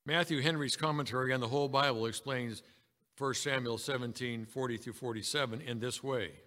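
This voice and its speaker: A man's voice: medium pitch, fairly even intonation, fairly quick, pushed and bright, big-room sound. A man preaching a sermon, reading scripture aloud and calling his congregation brethren.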